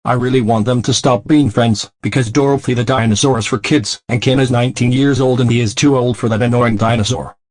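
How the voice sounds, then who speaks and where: A man's voice: mid-range voice, steady tone, a little fast, hardly any pauses, a little mellow, no echo, lightly acted. A man voicing a delinquent cartoon car, a scheming troublemaker who stiffly narrates his own plans. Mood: bored, resentful. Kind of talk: scripted cartoon monologue.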